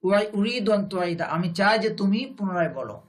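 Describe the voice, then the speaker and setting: A man with a Bangladeshi Bengali accent teaching Arabic grammar in a recorded lesson, speaking slowly and deliberately and repeating each phrase before translating it. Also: sits high.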